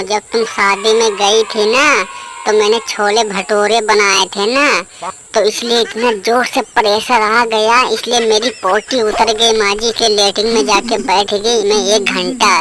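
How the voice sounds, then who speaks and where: A woman's voice: mid-range voice, fairly bright tone, close to an everyday voice, poor audio. A woman playing a put-upon, pleading young daughter-in-law in a homemade comedy skit. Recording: music playing behind.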